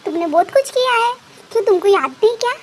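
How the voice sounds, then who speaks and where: A woman's voice: extremely high pitch, animated, quick pace, a little hiss or hum, voice pushed up. A woman voicing a drowsy, teasing young man in a storytelling fan fiction.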